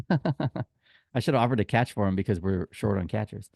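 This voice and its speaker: Telling anecdotes on a casual sports podcast, this co-host and tour guide is chatty and informal, acting out the exchanges he quotes. His lowish voice is expressive, creaky, and darkish, at a moderate pace. The recording is dry and studio quality.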